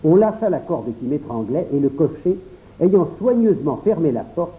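A man narrating a storybook in the first person, expressive and voicing every character. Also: fairly high pitch, normal speed. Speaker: audiobook reader. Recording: tinny phone-like recording.

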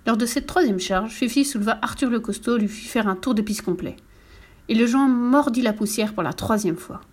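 A woman narrating a children's storybook with a lively, expressive reading. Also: fairly high pitch, brisk, husky.

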